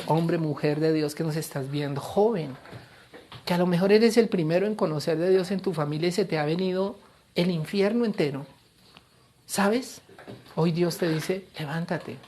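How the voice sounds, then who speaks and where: A middle-aged male pastor giving a sermon, with an animated, playful delivery that acts out other voices. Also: a little high, slight background noise.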